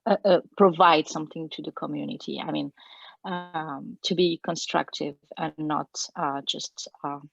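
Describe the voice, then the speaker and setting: A woman's voice: low-pitched, steady tone, measured pace, vocal fry, dry recording, lo-fi sound. A woman from Morocco, a guest on a webinar, speaking thoughtfully and hesitantly with many fillers. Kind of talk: thoughtful panel talk.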